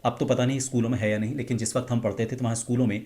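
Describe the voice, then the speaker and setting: A middle-aged man teaching as a speech coach. He explains calmly and now and then acts out short example lines in a raised tone. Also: mid-range voice, rapid-fire. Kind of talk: explanatory talk to camera.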